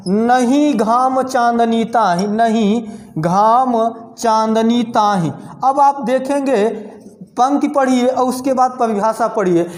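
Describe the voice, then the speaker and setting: A man with a very high voice teaches a grammar lesson at a slow, deliberate pace, and he speaks. He repeats lines and keeps asking his students questions. The room behind him is echoey. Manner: slow, repetitive explaining with rhetorical questions to students. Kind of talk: classroom lecture.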